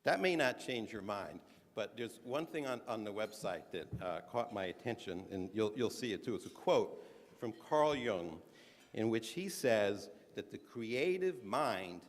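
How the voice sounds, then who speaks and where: A man giving a measured, earnest speech at a conference, stressing his points, now and then restarting a phrase. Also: lowish voice, big pitch swings. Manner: earnest, measured, emphatic delivery with occasional restarts. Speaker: conference speaker. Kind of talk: prepared speech to an audience. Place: conference hall. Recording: large hall with long reverb.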